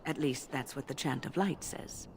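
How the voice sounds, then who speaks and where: An actress playing a wise female mage in a video game, explaining lore in a measured, solemn way. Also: a bass voice, creaky, a crowd in the background. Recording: game audio with loud music behind.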